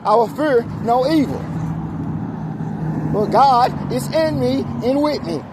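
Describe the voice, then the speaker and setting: The clip features an American man with a very high-pitched, expressive voice and a slow pace, speaking as he walks along a street. As a vlogger, he's exasperated, venting and preaching in repetitive, emphatic, casual terms. It's a handheld outdoor recording with street noise.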